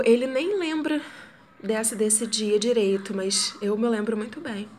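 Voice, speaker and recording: Woman, 30s, widowed mom vlogging from her apartment; slightly high voice, earnest, chatty, lots of fillers, faint background hiss. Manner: earnest, talks straight to viewers with many fillers. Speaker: widowed mother. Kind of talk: personal vlog storytelling.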